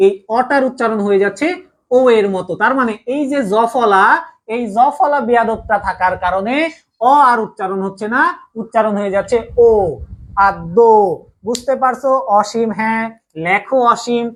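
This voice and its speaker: A young Bangladeshi man teaches an online grammar class in a fairly high voice. He drills each rule by repeating it, then keeps asking whether everyone has understood. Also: moderate pace. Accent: Bangladeshi Bengali. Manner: repetitive, drilling, keeps asking if all is clear.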